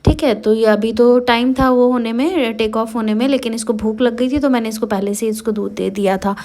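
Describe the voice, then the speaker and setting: A woman's voice: a little high, a little fast, a little mellow. A woman narrating a casual travel vlog as a mother, talking in a chatty way with many fillers and English words mixed in. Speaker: vlogger mother.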